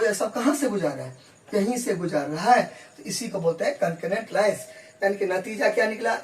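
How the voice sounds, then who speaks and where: A male math teacher giving a classroom geometry lesson. He explains by repeating himself, asks rhetorical questions and answers them, and mixes English math terms into his explanation. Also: high voice. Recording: echoey room, voice from a distance.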